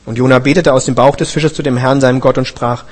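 A man reading a Bible passage aloud in a steady, measured way, now and then correcting himself. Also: medium pitch, long reverb tail. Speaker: scripture reader.

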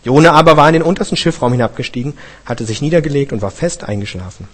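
A man with a slightly raised voice reads scripture aloud at an even, measured pace. He now and then stumbles and corrects himself, keeping the telling steady. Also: fairly high pitch, husky, in a large hall. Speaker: scripture reader. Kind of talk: Bible reading.

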